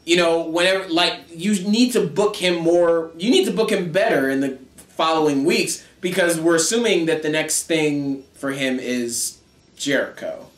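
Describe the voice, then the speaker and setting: A man co-hosting a casual wrestling podcast, talking quickly with bursts of excitement and frequent laughter. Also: a little high. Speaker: wrestling show co-host. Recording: roomy echo.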